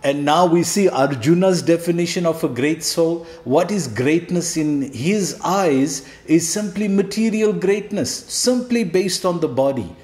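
A man delivers a devotional scripture lecture in a slightly higher voice, recorded in an echoey room. He explains patiently and keeps asking rhetorical questions, dropping a questioning "hmm?" to check that listeners follow. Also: expressive, unhurried, few pauses, darkish tone. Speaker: scripture teacher.

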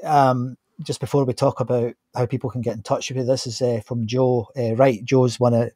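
A man in his fifties hosts an online interview show from a small home studio, speaking in an informal, appreciative, conversational way. His medium-pitched voice is warm and level at normal speed. A close studio mic on a stand yields clean sound with no room echo.

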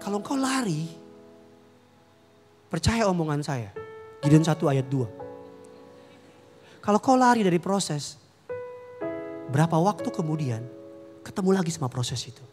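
A man's voice: a little high, sing-song, a little slow, pauses often. A male pastor preaching fervently, calling for amens and mixing in casual stories. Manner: fervent, calls the congregation to answer amen; mixes preaching with casual storytelling. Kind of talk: sermon. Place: church hall during a service. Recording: echoing church hall with music behind.

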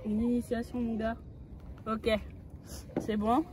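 Outdoors in nature, a young travel vlogger chats playfully to the phone she holds at arm's length, in a casual vlog style. She speaks slowly in a rather high voice with little pitch movement, and the background is noisy.

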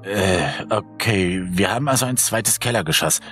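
A man's voice: on the low side, normal speed, fairly bright tone, faint music behind, natural voice. A man voicing a nervous teenage boy who hesitates and stammers. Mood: anxious. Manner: hesitant, stammering, many fillers.

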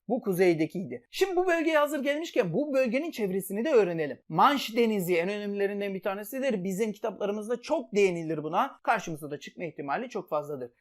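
A woman teaching an exam-prep geography lesson, playful and talking straight to her students as she walks through memory tricks. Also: medium pitch. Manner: lively, playful, addresses students directly.

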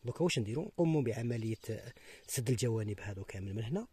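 A man with an Algerian Arabic accent walks his viewers through an outdoor demonstration, speaking quickly. His voice is very breathy and husky, and he often sinks into a hushed whisper as he points things out. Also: mid-range voice, animated. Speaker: hunting tutorial host.

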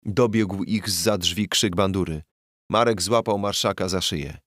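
A man reading a crime audiobook in a steady, measured narration on a close studio mic. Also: low voice, no room sound.

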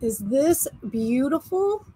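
A woman's voice: high-pitched, very animated, slow pace, mellow, poor audio. A woman in her forties hosting a live online auction, chatting casually, laughing often and greeting viewers by name as she shows items for sale. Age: 40s. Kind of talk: casual live-stream selling chat.

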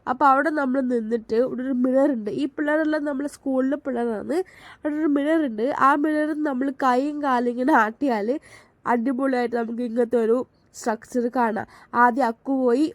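A woman's voice: high-pitched, a little mellow, no echo. A Malayali woman from Kerala narrating her family outing in a chatty, enthusiastic voice-over, with frequent restarts. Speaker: family vlogger.

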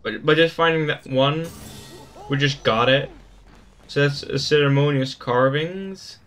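A man's voice: on the high side, measured pace, a bit bright, soft background music. A man giving casual gameplay commentary, thinking aloud in an easygoing way as he explores a game. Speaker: gaming YouTuber.

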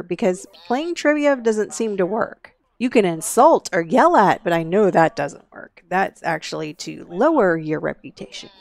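A woman's voice: lowish voice, gravelly. A woman giving casual commentary over a life-sim game, chatting and thinking aloud as she plays. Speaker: Sims gameplay narrator.

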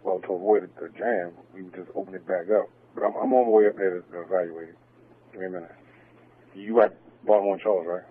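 A man's voice: low voice, fairly even intonation, fast, husky. A male police officer talking over a muffled, faintly noisy police radio.

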